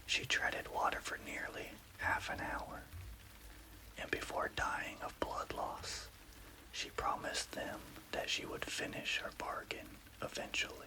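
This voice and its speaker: A man's voice: measured pace, low-quality recording. Male ASMR horror narrator, whispers throughout with no voicing, careful storyteller's delivery over rainfall. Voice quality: unvoiced, breathy whisper.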